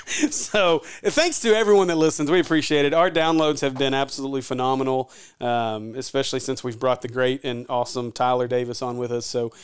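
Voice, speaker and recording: A man's voice: medium pitch, fairly even intonation, fairly quick, clear, resonant tone. A man hosting a sports podcast, chatty and rambling, laughing often. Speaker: podcast host. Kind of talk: casual sports podcast chat.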